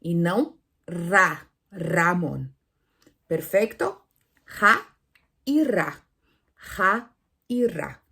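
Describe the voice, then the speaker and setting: A woman teaching Spanish pronunciation in Portuguese, lively, asking viewers questions and demonstrating sounds aloud. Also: medium pitch, drawn-out words, creaky, long pauses, husky. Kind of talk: online language lesson.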